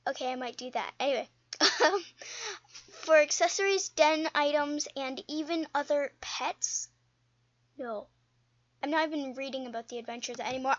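A young woman chatting casually while playing an online game, rambling and quick to get indignant. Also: sits high, no echo, highs cut off. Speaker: game video host. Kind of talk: casual gameplay commentary.

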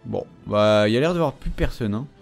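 A man's voice: lowish voice, lively intonation, fairly quick, vocal fry, faint music behind. A man giving casual commentary over his own gameplay, chatty and teasing the enemies he fights. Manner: chatty, taunts enemies, frequent fillers. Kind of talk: casual let's-play commentary.

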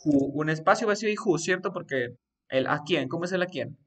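Guy teaching grammar, slow and kinda high voice, keeps asking the class, bit far from mic. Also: animated, a bit bright. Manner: questioning, coaxing students step by step. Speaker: English teacher. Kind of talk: live online grammar lesson.

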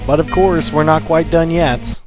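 A man's voice: fairly high pitch, steady tone, moderate pace, low-quality recording. A man giving casual, wry, explanatory commentary as he plays a video game. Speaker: let's play host. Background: loud game music.

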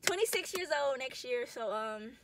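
A woman's voice: sits high, lively intonation, normal speed, noisy background. A woman in her mid twenties talking casually to camera in a vlog, chatty, slangy and emotional. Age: 20s. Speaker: vlogger. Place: in a car.

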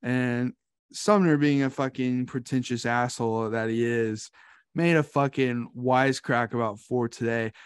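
Profane, animated male podcast host. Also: mid-range voice, unhurried, clear, resonant tone, dry recording, studio quality. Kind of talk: casual chat.

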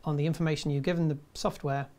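A man in his fifties presenting a scripted tutorial in a measured, step-by-step way. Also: a little high, level tone, warm tone. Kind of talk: scripted instructional narration.

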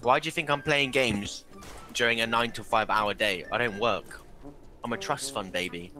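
A man's voice: mid-range voice, moderate pace, bright, forceful tone, faint music behind. A man bantering brashly over game voice chat, teasing and boasting in character as a wealthy player. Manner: brash, teasing, mock-posh.

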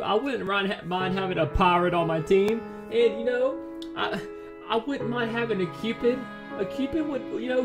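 High-voiced excitable gaming man. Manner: excitable, pleading and exasperated over game luck. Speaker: gaming YouTuber. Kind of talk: let's-play commentary.

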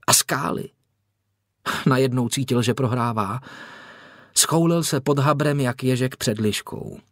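A man narrating a historical novel in a measured, expressive audiobook read. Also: medium pitch, dry recording. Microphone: close studio mic. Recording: dry studio recording.

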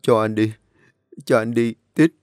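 A man's voice: on the low side, steady tone, measured pace, a little mellow, no room sound, studio quality, soft background music, close to an everyday voice. A man voicing a drunk young husband who pleads and repeats himself. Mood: drunk, pleading.

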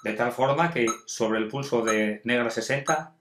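A man's voice: mid-range voice, moderate pace, a bit bright, reverberant, slight background noise. A male music teacher explaining rhythms in a homemade video masterclass, chanting rhythm syllables in time. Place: at home.

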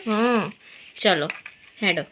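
A woman's voice: medium pitch, drawn-out words, a bit bright, slight background noise. A young woman from Gujarat, a mother vlogging at home, talking to her small child and the camera in a playful, teasing, coaxing sing-song way. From Gujarat, India. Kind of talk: casual home vlog chat.

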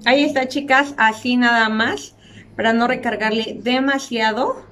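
A young woman talks her viewers through a makeup look. Her voice sits a bit high, chatty and effusive as she admires the colors. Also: fairly even intonation, normal speed, a bit bright. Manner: chatty, addresses viewers as girls, gushes over colors. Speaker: beauty vlogger. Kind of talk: makeup tutorial chat.

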